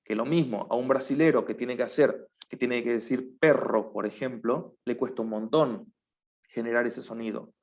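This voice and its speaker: A man's voice: medium pitch, moderate pace, vocal fry. Patient male teacher, dull lo-fi sound. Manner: explains patiently, often checks with a questioning "right?". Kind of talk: online class lecture.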